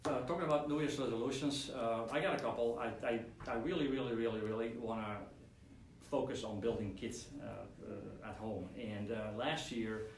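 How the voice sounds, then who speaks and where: There's a roomy echo and faint hum as this weekly model-kit streamer, positioned away from his mic, chats loosely with lots of fillers and restarts. His voice is mid-range, his tone steady and his pace moderate.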